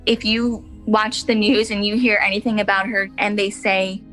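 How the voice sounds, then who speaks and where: A woman's voice: mid-range voice, flat delivery, normal speed, a bit bright, soft background music, low-quality recording. A woman interviewee recalling her sister in a chatty, casual way. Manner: chatty, with frequent "like" fillers.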